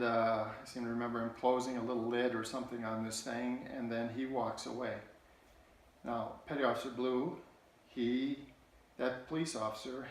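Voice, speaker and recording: A man telling a personal childhood story in a halting, earnest way, often restarting his sentences. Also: mid-range voice, vocal fry. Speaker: political candidate. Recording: very echoey room.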